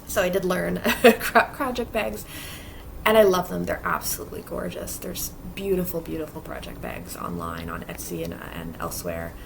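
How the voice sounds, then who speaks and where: Speaking at normal speed in a fairly low, expressive and creaky voice, a woman rambles through a cross-stitch vlog with lots of fillers. She's in her home basement craft area, a little stuffy from allergies, against a noisy background.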